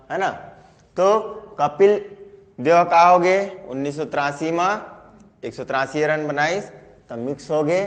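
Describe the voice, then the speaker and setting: Male teacher, Chhattisgarhi accent, higher voice, quizzing and chanting, long reverb on the recording. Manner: call-and-response questions, chanting repeated words. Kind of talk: online class mnemonic lesson.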